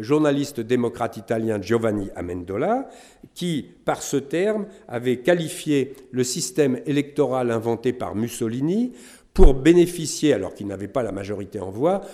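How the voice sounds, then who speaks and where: A middle-aged man from France giving a measured academic lecture, pausing often with fillers. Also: mid-range voice, mellow. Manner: measured, many hesitations with euh and hein. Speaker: historian lecturer.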